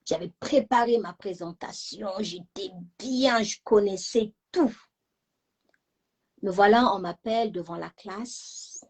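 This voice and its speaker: A young woman telling a personal story to her live audience in a fast, animated way, with many repeated fillers. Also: medium pitch. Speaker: live stream host.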